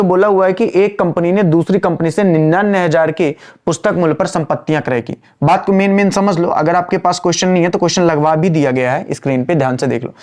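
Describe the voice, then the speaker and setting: A male accounts teacher giving an online class lecture, repeating key phrases, quizzing his students, and drawling slowly while he writes entries on the board. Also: on the high side, darkish tone. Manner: addresses students as "beta", chiding but patient.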